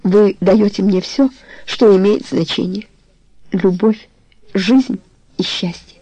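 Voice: mid-range voice, slow pace, dark tone, slightly rough, no room sound, rough recording. A reader voicing an impassioned young woman who implores her lover not to leave, in an audiobook. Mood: imploring.

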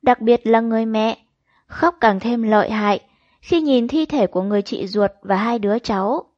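A woman reading a crime novel aloud as an audiobook narrator, in an even, measured storytelling manner. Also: fairly high pitch, no echo, muffled recording. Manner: even, measured storytelling with quoted dialogue read in.

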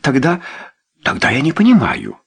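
A fretful, reproachful aristocratic mother, as a male audiobook reader puts her on, her voice lifted well above his own and swinging widely in pitch. She exclaims and scolds in a high-strung, fussy way. It reads like a costume-drama storybook. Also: wildly swooping pitch, moderate pace, gravelly, slightly rough, heavily acted. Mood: indignant.

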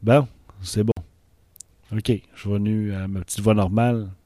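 A man's voice: lowish voice, steady tone, moderate pace, dark tone, no room sound. A man with a Quebec French accent hosting a casual late-night podcast monologue into a microphone, rambling, hesitant and casually swearing. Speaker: podcast host.

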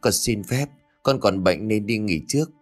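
A meek young daughter-in-law who answers softly and apologetically, as a man voices her. The voice is low, with faint music behind. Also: moderate pace, lightly acted.

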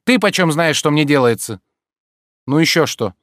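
A man doing an exasperated idle gentleman. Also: fairly high pitch, animated, normal speed, no room sound, clean studio sound, pitched above the performer's own voice. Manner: impatient, exasperated. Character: idle, irritable young male landowner.

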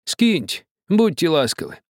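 A man's voice: a little high, very animated, unhurried, a little mellow, dry recording, clean studio sound, voice pushed up. A man voicing a stubborn, quarrelsome old village man who grumbles, wheedles and threatens. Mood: pleading.

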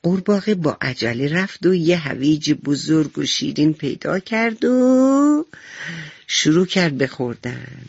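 A woman's voice: deep voice, lively intonation, vocal fry, slightly rough, no echo. Radio storyteller, woman, affectionate children's narration, dry close sound, slightly lo-fi. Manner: warm, affectionate addressing of children. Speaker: bedtime storyteller.

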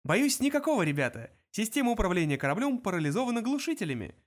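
A relentlessly cheerful starship computer, as a male reader puts it on, high and bright. It chirps out even the worst news with breezy good humour in a storybook reading. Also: fast. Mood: chirpy. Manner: bright, overly upbeat.

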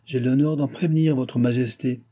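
A man plays a haughty duke in an audiobook who answers a king with icy calm. The voice is low, very dark and husky. Each word is measured and firm. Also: natural voice. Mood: cold. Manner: cold, measured and unyielding. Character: cool, haughty male duke, a royal minister. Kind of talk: audiobook character reading.

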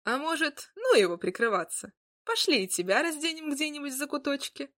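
Storybook dragon, male, brash and dim, loud and raised in pitch, as a woman reads him. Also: big pitch swings, fairly quick, exaggerated voice. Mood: indignant. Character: boastful simple-minded male dragon shapeshifter.

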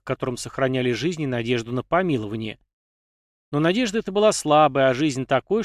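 A man's voice: medium pitch, dry recording. Man narrating history, dry sound. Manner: even, steady reading with dramatic emphasis.

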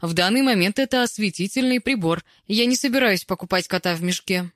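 A woman's voice: medium pitch, brisk, no echo, clean studio sound, voice pushed up, close to an everyday voice. A woman voicing a brash, teasing bulky woman. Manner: bold, teasing, loud.

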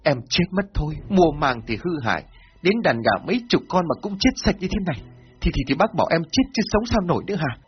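A man's voice: on the high side, very animated, fast, voice pushed up. A man doing a frantic sobbing village woman. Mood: wailing. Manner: wailing, stammering. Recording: dull lo-fi, faint music.

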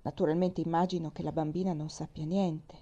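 A stern, gruff older gentleman from a storybook, curt and impatient, his voice breaking with feeling, as a woman reader puts him on. The tone stays mellow and low-key. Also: level tone, fairly quick, dull audio.

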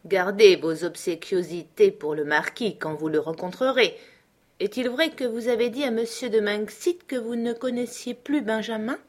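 A woman's voice: mid-range voice, moderate pace, darkish tone, voice pushed up, natural voice. A woman reading the part of a proud, furious rich old village man who blusters and threatens. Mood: scornful.

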